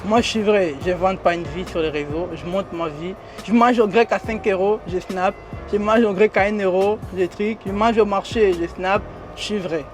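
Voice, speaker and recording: Sitting in a limousine with clear music behind him, a young interviewee chats casually in a high, bright voice with a foreign accent, since French isn't his first language. He speaks street slang at a moderate pace with fairly even intonation, looping phrases and laughing.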